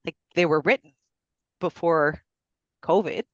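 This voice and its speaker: Hosting a book club over a video call, a woman speaks in a deep voice, a little slowly, with no room sound. It's a casual group discussion, and she's chatty, often using fillers and starting over. The audio has the dull, lo-fi quality of a call.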